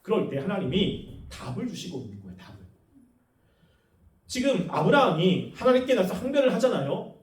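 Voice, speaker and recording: Korean pastor preaching, lively high voice. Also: male voice, far from the mic. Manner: asks the congregation questions and acts out quoted prayers. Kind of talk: sermon. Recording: echoey room, voice off the mic.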